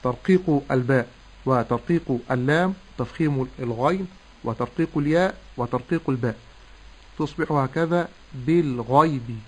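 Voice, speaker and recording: A man teaching Quran recitation, slowly sounding out each syllable to demonstrate correct pronunciation. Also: medium pitch, poor audio. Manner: slow, deliberate syllable-by-syllable demonstration. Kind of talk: tajweed lesson.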